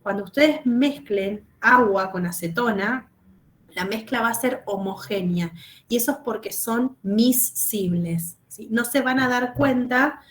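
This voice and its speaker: A woman teaching a chemistry lesson over a video call, explaining step by step and checking often that students follow. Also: medium pitch. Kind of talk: online class lecture.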